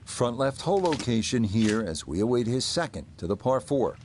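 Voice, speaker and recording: Male golf commentator, measured calls. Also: medium pitch. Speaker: golf commentator, lead announcer. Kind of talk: live golf television commentary. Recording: steady outdoor ambience noise behind.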